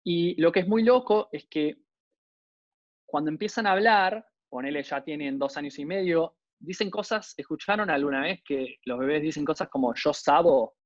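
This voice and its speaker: A man's voice: fairly high pitch, expressive, moderate pace, no echo. Man, Argentine accent, university lecturer, conversational, keeps checking in with listeners, slightly dull lo-fi sound. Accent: Rioplatense Argentine Spanish. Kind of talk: informal lecture.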